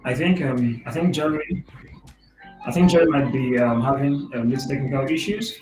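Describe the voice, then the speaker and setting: A man's voice: mid-range voice, moderate pace, darkish tone, roomy sound, soft background music, rough recording. A man hosting an online webinar over a video call, speaking hesitantly with many ums. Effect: heard over a video call. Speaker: webinar host.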